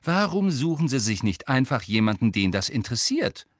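A man's voice: medium pitch, big pitch swings, normal speed, no room sound, pitched above the performer's own voice, natural voice. A man voicing a clever teenage schoolgirl who speaks coldly and in clipped, scornful tones, recorded dry and close. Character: sharp clever teenage schoolgirl, cool and firm.

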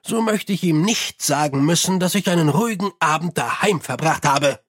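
Man doing a gruff, weary police commander. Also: a little high, lively intonation, moderate pace, fairly bright tone. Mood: commanding.

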